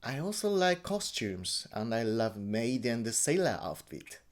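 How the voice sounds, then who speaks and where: An interviewee from Japan tells a personal story in halting, Japanese-accented English, frequently repeating and correcting his words. His voice is medium in pitch with big pitch swings.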